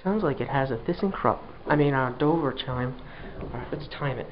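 A man with a mid-range voice, speaking at a moderate pace, films an elevator ride and delivers dry, exasperated commentary inside the small car. It's casual handheld narration on a camera mic, with dull lo-fi audio and a faint hum.

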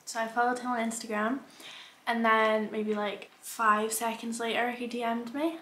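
A woman's voice: a little high, level tone, moderate pace, fairly bright tone. A young woman chatting casually beside her boyfriend, easygoing and agreeable. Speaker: vlogger's girlfriend. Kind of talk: casual chat. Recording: echoey room with faint noise.

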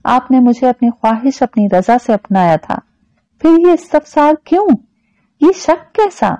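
A gentle, devoted young wife who speaks softly and earnestly, voiced by a woman reading a novel aloud. The tone is high and mellow, heard through a dull, dry recording. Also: very animated, unhurried, no room sound. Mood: upset.

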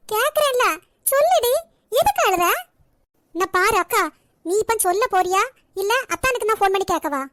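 A woman voicing a feisty, sharp-tongued young woman who protects her sister in a cartoon. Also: very high voice, dry recording. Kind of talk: cartoon voice acting.

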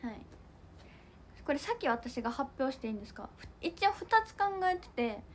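Bubbly high-voiced young woman. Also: big pitch swings, a little fast, a little hiss or hum. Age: young adult. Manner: bubbly, giggly, chatty, reacting to comments. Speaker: idol livestream host. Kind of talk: casual livestream chat reading comments.

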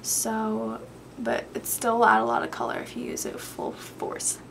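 A woman's voice: on the high side, sing-song, measured pace, vocal fry, a little hiss or hum. A young woman doing a chatty, gushing makeup tutorial vlog, sounding a little tired. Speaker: beauty vlogger.

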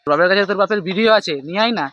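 A man's voice: high voice, rapid-fire, fairly bright tone, dull audio. A young man playing a lazy jobless village lad in a comedy sketch, swearing and bickering.

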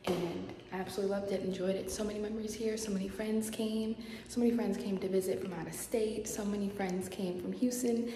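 A woman's voice: mid-range voice, steady tone, mellow. Young woman touring an echoey empty apartment. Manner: chatty, quick, casual, repeats "here goes". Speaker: vlogger. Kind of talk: casual vlog apartment tour. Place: empty apartment with bare hard floors. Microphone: handheld phone camera at arm's length. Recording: echoey empty rooms, noisy.

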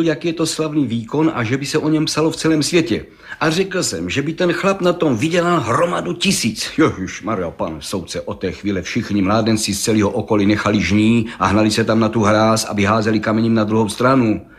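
A man voicing an excitable, boastful middle-aged village gendarme who tells his tale in an eager, rambling rush. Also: mid-range voice, natural voice. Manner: rambling, eager, breathless storytelling. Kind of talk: audiobook reading.

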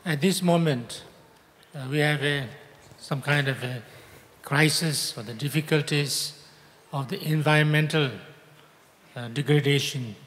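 A man's voice: on the high side, big-room sound. A man interpreting a teacher's words into English, hesitant with many filler sounds.

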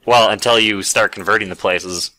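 A man's voice: fairly low pitch, fairly even intonation, moderate pace, pushed and bright. A man hosting a strategy game let's play, musing aloud while he plays and chats. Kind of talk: casual gameplay chat.

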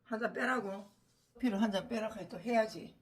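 An older woman from the Gyeongsang region with a Gyeongsang accent, chatting casually to camera at home over morning coffee. She teases her husband, laughs often and sometimes drops to a soft murmur. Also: medium pitch, normal speed. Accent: Gyeongsang Korean. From Gyeongsang region, Korea. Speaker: vlogger, home caregiver.

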